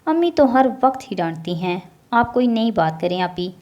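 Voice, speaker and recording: A woman voicing a cheeky, lazy teenage girl who teases her family in a bubbly, higher voice, in a storybook reading. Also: very animated, darkish tone, highs cut off, natural voice. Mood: teasing.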